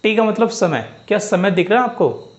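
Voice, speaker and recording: Physics teacher guy, highish voice, keeps asking if u got it, muffled lo-fi audio. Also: lively intonation, normal speed. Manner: repeats steps, asks students if they understood. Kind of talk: classroom-style lesson.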